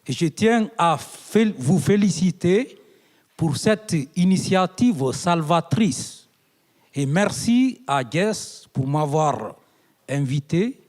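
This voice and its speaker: An invited guest speaker from Guinea delivers a conference speech at a deliberate, unhurried pace. His fairly high, darkish voice rises into emphatic, oratorical appeals, and the hall adds a long reverb.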